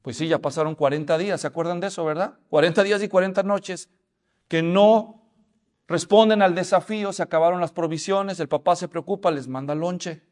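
A man's voice: high voice, fairly quick, darkish tone. A man preaching a sermon, telling the story and asking the congregation questions. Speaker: pastor.

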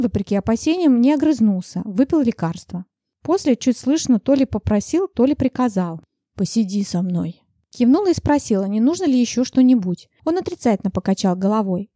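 Brief: female audiobook narrator, first person, mellow and measured, dry booth sound. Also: on the high side, no echo.

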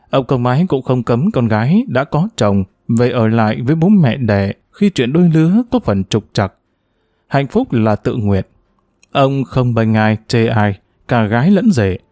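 Brief: male audiobook narrator, lively pitch, dark mellow tone, dry close sound. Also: no room sound. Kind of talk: scripted narration of a novel.

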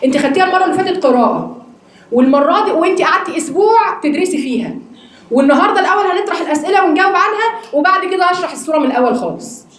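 A woman's voice: extremely high pitch, animated, rapid-fire, reverberant. A woman with an Egyptian Arabic accent teaching a religious study class, often putting questions to her students. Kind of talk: religious lesson to a women's class.

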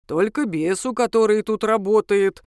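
A courteous male demon from a spoken folk tale speaks low and unhurried, every question patient and insistent, as a woman narrator puts him on. The sound is dry and close, with no room around it. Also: a little mellow, no room sound, lightly acted. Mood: polite. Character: polite low-voiced male crossroads demon.

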